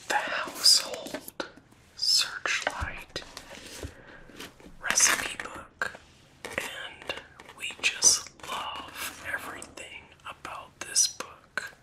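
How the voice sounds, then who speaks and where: Woman doing whispered role-play as a librarian, breathy library whisper, really slow, lots of little pauses. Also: low-quality recording. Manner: slow, unhurried, with gaps between short phrases. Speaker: ASMR host playing a librarian at a book fair.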